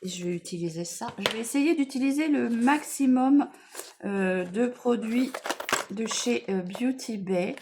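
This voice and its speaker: An expressive voice on the high side, measured in pace, comes through with background noise. A middle-aged woman vlogs her morning makeup routine at home in a tired, rambling, chatty way, trailing off and refocusing, full of "voilà" and "bon, bref".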